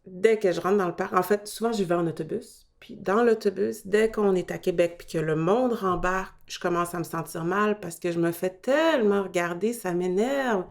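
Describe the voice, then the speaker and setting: A woman's voice: on the low side, vocal fry. A young woman, speaking hesitantly and trailing off in a documentary interview. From Saguenay, Quebec. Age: 20s.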